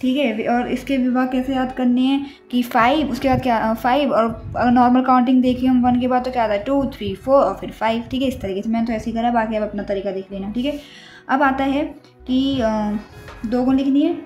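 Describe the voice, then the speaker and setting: A woman's voice: on the high side, fairly even intonation, brisk, darkish tone, muffled recording. A woman teaching a music lesson, patiently counting beats and reciting rhythm syllables one by one.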